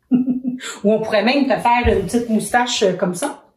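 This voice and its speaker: A woman's voice: on the high side, measured pace, darkish tone, distant mic. A woman with a Québécois accent who teaches young children, patient and encouraging, asking many questions. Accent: Québécois French. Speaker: children's educator. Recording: roomy echoing room.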